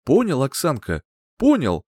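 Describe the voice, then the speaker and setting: A man's voice: medium pitch, wildly swooping pitch, a little slow, darkish tone, no room sound, voice pushed up. A man voicing a timid, cowed man in an audiobook, defensive and placating. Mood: cowering. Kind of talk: audiobook character voice.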